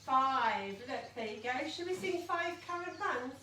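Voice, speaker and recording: A woman's voice: very high-pitched, expressive, moderate pace, bright, forceful tone. A woman hosting a toddler session, teaching a child to count with simple prompts and encouraging questions. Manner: speaks directly to young children, with encouraging questions. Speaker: children's singalong host. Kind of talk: live toddler singing and craft session. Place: indoors at home. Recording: echoey room, distant mic, faint noise.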